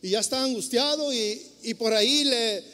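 A man with a Mexican accent preaches in a high, light voice, talking his listeners through everyday scenes like a storyteller. His words ring out with a long reverb from a large church hall. It feels like a live Sunday sermon. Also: moderate pace, pushed and bright. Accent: Mexican Spanish. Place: church sanctuary.

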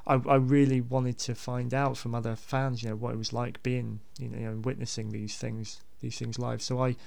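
Gravelly, hesitant male podcast host. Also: medium pitch, level tone, normal speed, darkish tone. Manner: hesitant, rambling, repeats words. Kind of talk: casual unscripted podcast introduction.

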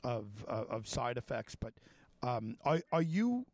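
A man's voice: mid-range voice, big pitch swings, darkish tone, no echo. A man hosting a talk show interview, asking long questions full of fillers and restarts. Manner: halting, many fillers and restarts. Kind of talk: casual interview chat.

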